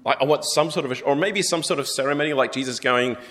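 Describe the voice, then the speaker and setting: A man preaching a sermon, telling the story in an animated way and acting out the characters. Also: mid-range voice, fast. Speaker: pastor. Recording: long hall reverb.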